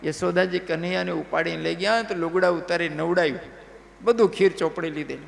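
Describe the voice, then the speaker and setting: A man telling a devotional story as a sermon, animated and checking in with listeners. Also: high voice, fairly quick, creaky, a little hiss or hum. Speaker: religious storyteller. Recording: live hall reverb, faint music.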